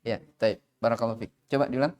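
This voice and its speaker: A man teaching tajwid in a live online class, drilling Arabic syllables slowly and calling on students to recite. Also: mid-range voice, steady tone, a little mellow. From Indonesia.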